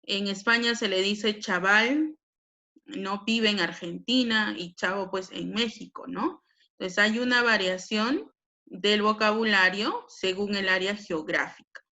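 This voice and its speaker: A woman's voice: medium pitch, a little slow, sharp tone. A Peruvian woman teaching a language lesson, explaining patiently with frequent tag questions. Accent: Peruvian Spanish. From Peru.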